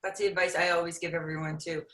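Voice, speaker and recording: Hosting a relaxed panel webinar, a Canadian-accented woman talks fast with a flat delivery in a lowish, somewhat bright voice. Her audio has a roomy echo typical of a webinar call.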